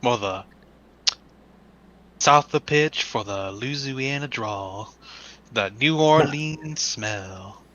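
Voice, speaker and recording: Man, 30s, sharp bright voice, joking, lo-fi mic. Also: mid-range voice, slow, pauses often. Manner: joking, teasing. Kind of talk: casual chat. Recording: dull lo-fi voice chat.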